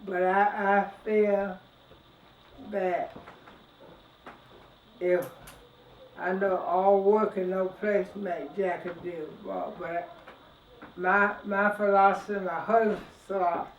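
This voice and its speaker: A woman of ninety, reminiscing in an interview in a halting way, repeating words as she goes. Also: medium pitch, steady tone, slight background noise. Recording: echoey room, distant muffled mic.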